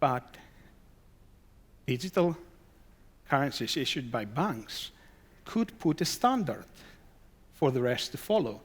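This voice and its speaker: A man's voice: mid-range voice, big pitch swings, takes it slowly, long pauses, breathy edge. Guy presenting at a conference, reads out his slide titles, throws rhetorical questions and dry little asides at the room, middle-aged. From Greece. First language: Greek. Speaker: conference speaker.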